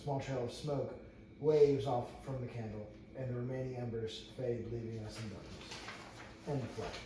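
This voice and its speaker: The narrator here speaks at normal speed with a medium pitch and fairly even intonation. He reads screenplay stage directions aloud at a table read, stumbling and repeating himself. Recorded far from the mic in an echoey room, there's faint noise too.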